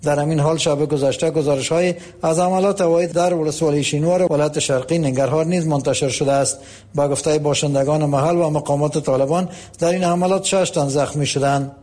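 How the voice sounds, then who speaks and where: A male radio reporter with a fairly high yet mellow, warm voice. He narrates a scripted news report in an even, formal tone.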